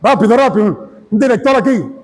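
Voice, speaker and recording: A man preaching a fiery sermon as pastor. He acts out quotes from people and breaks into shouted climaxes, at times speaking in tongues. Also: high voice, lively intonation, fairly quick, slightly rough, in a large hall, rough recording.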